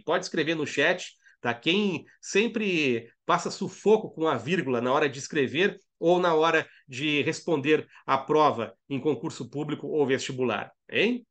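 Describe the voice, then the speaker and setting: A man with a Brazilian Portuguese accent teaching grammar in a live online class. He talks in a joking, chatty way, reads viewer chat aloud, tags his sentences with "tá?" and "né?", and slows right down to spell out words. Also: a little high, fairly bright tone.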